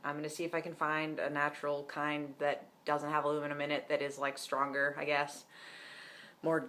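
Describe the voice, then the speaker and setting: Recording a laid-back video diary at home, this young man speaks in a highish voice that occasionally cracks, bright and forceful yet completely flat, at a moderate pace. His vlog update wanders, packed with "um" and "like."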